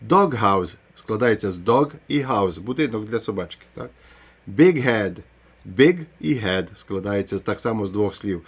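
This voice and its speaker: A man's voice: fairly low pitch, lively intonation, measured pace, breathy edge. A man teaching an English pronunciation lesson, explaining the rules step by step and pronouncing English example words. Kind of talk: video lesson.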